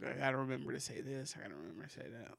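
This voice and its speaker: A man's voice: medium pitch, expressive, racing, gravelly, a bit bright, dry recording. A man co-hosting a podcast, chatting casually and laughing often while telling loose stories. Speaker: podcast co-host. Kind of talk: casual chat.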